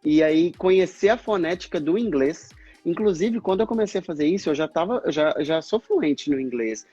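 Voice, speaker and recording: A Brazilian man with a Brazilian Portuguese accent talks through his experience in an earnest, explanatory way, often acting out old conversations. His voice is husky and sits at an ordinary pitch. The audio is dull and lo-fi, like an online call, with faint music underneath. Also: animated, moderate pace, dark tone, no room sound. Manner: earnest, explanatory, acts out past dialogues. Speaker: speech therapist guest. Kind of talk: livestream interview talk.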